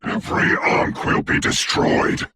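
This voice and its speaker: A man voicing a proud, grave sorcerer doctor in a video game, speaking formally and theatrically in a rough, whispery voice. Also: a little slow, heavy background noise, lightly acted. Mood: commanding, proud. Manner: grandiose, formal, archaic, solemn delivery. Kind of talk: theatrical game character voice lines.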